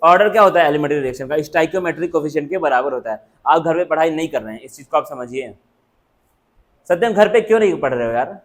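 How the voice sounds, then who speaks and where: A man's voice: a little high, animated, fast. A man teaching a coaching class, scolding his students in a stern, repetitive lecturing manner. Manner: stern, lecturing, repeats himself.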